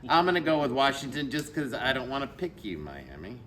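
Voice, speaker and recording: A man hosting a casual football picks show, loud and joking as he runs through the games. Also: medium pitch, big pitch swings, a little fast, a loud crowd. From Florida. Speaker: podcast host. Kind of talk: casual chat.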